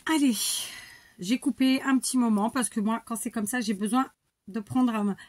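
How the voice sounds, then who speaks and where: A woman vlogging about scrapbooking, chatting casually and warmly as she opens her mail, often restarting words and laughing softly. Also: fairly high pitch, moderate pace, dry recording. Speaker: scrapbooking YouTuber. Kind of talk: casual chat while opening mail.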